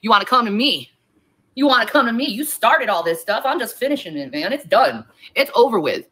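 A livestreamer in a played clip delivers an angry rant at her critics, heated and profane. Her voice is fairly high and husky, fairly bright, moving quickly with large pitch swings.

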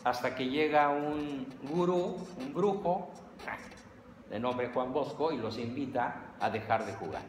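A man with a Mexican accent giving a lively, humorous lecture, acting out everyday scenes. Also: medium pitch, a little slow. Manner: animated, humorous, acts out scenes. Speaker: lecturer on psychology. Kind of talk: lively lecture with acted examples. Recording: echoey hall, faint noise.

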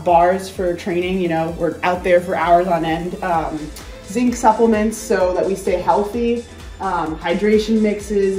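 A woman's voice: mid-range voice, darkish tone, recorded from a distance. A woman in her twenties giving a cheerful, chatty walking tour of a ski truck and apartment, filmed on a handheld phone. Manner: upbeat, chatty, enthusiastic. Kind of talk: casual tour vlog. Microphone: handheld phone camera.

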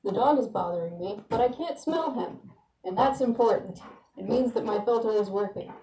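A woman's voice: mid-range voice, normal speed, mellow, echoey room, poor audio. A woman giving a casual how-to demonstration while speaking through a gas mask, chatty and plainspoken. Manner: chatty, plainspoken, laughs at herself.

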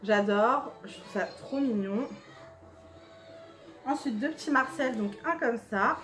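A young woman vlogs casually from home in a fairly high voice, taking her time, with faint music in the background. She chats along with lots of fillers and side comments, and in the evening her voice sinks to a hushed murmur.

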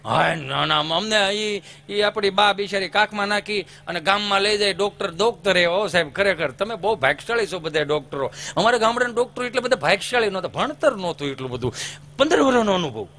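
A man's voice: high voice, lively intonation, fairly quick, pushed and bright. A man with a Kathiyawadi Gujarati accent telling folk comedy stories on stage, acting out village characters with sudden voice shifts. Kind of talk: stage comic storytelling.

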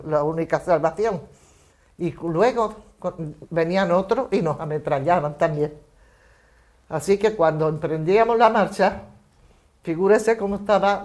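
Older female interviewee, personal testimony. Measured storytelling delivery, voicing quoted dialogue. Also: low-pitched, a little mellow. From Spain. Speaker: eyewitness interviewee.

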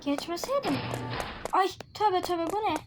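A woman giving excitable gameplay commentary, talking straight to her viewers and exclaiming often. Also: very high voice, a little slow, loud music behind the voice. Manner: excitable, keeps exclaiming and asking questions aloud. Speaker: gaming video creator.

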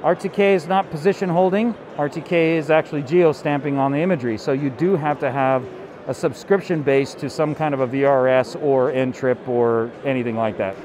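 A man's voice: medium pitch, fairly quick, a crowd in the background. Man, enthusiastic product rep, casual demo, fillers, convention booth. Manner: enthusiastic, loose, filler-heavy. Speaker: company representative.

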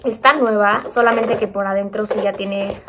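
Holding her phone camera, a Mexican woman in her twenties talks chattily to viewers as she shows clothes and gives prices, moving from her bedroom at home to an outdoor bazaar. Her Mexican Spanish-accented voice is mid-range, steady and moderately paced, set against a noisy background.

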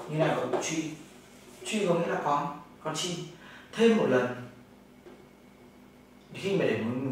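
A man's voice: mid-range voice, a little hiss or hum. Northern vietnamese male teacher, quizzing questions, very echoey room, distant mic. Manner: explains step by step, asking questions and answering them himself. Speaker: Chinese language teacher. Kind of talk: classroom lesson.

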